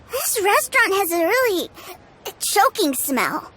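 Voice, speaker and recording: A woman voicing an innocent, excitable little boy in a video game, childlike and earnest. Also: very high voice, takes it slowly, full character voice. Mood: fussy. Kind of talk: scripted video game character acting. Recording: music behind the voice. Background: game music.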